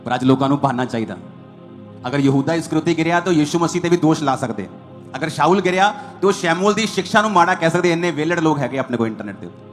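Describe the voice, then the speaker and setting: A male pastor preaches fast in a fairly high voice, hammering each point with short repeated bursts. Soft music runs beneath the sermon.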